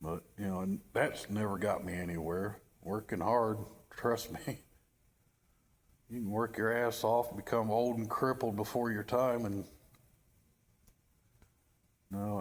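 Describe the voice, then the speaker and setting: Brief: middle-aged man, low-pitched, casual wry self-mocking vlog talk, cold dim workspace. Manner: rambling, wry and self-deprecating. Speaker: channel owner. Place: cold, dim work building with fluorescent lights.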